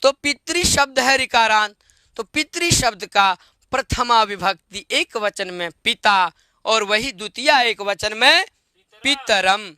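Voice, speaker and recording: High-pitched, bright-voiced male Sanskrit teacher. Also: lively intonation, clean tone, dry recording. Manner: repeats forms and quizzes students with questions; chants declensions slowly in a sing-song way. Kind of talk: online grammar lesson.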